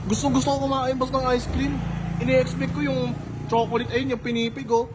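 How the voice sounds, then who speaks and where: An exasperated man with a very high voice plays a customer in a comedy skit. He keeps accusing the vendor and swears casually. Loud noise runs under the recording. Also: level tone, fairly quick.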